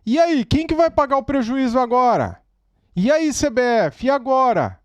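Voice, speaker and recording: Brazilian man, fan reaction host: high, swooping, agitated, dry close sound. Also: very animated, moderate pace, clean tone, no echo. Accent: Brazilian Portuguese. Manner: agitated, exclaiming, repeats "cara". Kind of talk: emotional fan reaction commentary. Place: at home.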